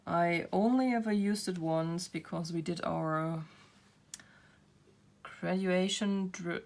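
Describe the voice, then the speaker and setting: A woman in her thirties with a German accent hosts a craft channel, chatting casually to the camera and often laughing at herself. Her voice is lowish, with vocal fry.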